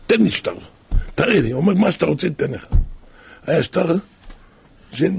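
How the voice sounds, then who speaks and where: In a loose, chatty sermon, a man retells old rabbinic stories, looping back again and again with "he says" and bursting out loudly at dramatic moments. His voice is heavily gravelly, very husky, a little high for a man, with big pitch swings, and the recording is dry.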